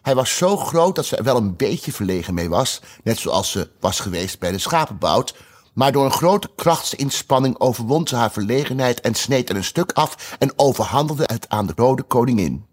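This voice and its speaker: A man reading a storybook aloud with expressive narration. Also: medium pitch, normal speed. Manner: lively, expressive.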